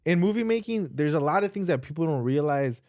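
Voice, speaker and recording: A man's voice: a little high, lively intonation, fast talker, a little mellow, dry recording, clean studio sound. A man in a casual, opinionated podcast chat, earnestly arguing his point with slang and swearing. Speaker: podcast host.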